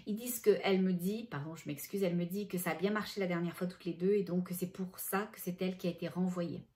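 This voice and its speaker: A middle-aged woman, a spiritual medium chatting through a channeling session and passing on messages in gentle tones. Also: on the low side, fairly even intonation, quick pace.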